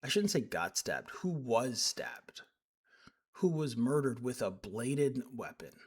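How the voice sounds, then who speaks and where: A man's voice: mid-range voice, big pitch swings, a little slow, a little mellow, breathy edge. A man giving live stream commentary as he reacts to clips, indignant and sarcastic, rambling with frequent restarts.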